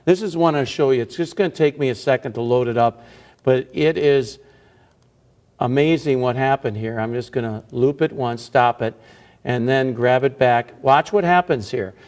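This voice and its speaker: A man's voice: mid-range voice, moderate pace, a little mellow. Male TV meteorologist tracking storms live. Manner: short, emphatic phrases. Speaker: chief TV meteorologist. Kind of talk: live weather commentary at the radar.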